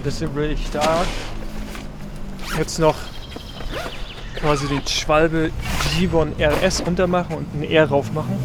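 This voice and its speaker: A man talks to a handheld camera in a loose, rambling vlog style, full of filler sounds. His voice sits a touch high for a man. Faint outdoor street noise sits behind him. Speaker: pro gravel cyclist vlogging a race trip. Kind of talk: casual vlog chat to camera.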